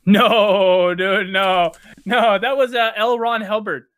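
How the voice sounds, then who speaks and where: A high-pitched man talks loosely and casually, swearing now and then and filling pauses with "um" and "uh." The recording is dry and close, with no room sound. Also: fairly even intonation, a bit bright, smooth, dry recording. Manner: rambling, filler-heavy, swears casually. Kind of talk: casual chat.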